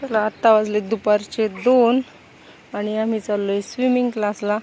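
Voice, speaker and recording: A woman's voice: medium pitch, steady tone, normal speed, mellow, a little hiss or hum. A woman vlogging about her family day, coaxing and scolding her small children. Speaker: vlogger and mother. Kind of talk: casual family vlog.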